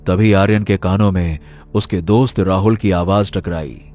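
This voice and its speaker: A man telling a scripted horror story in a measured storytelling manner. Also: deep voice, steady tone, a little mellow, faint music behind.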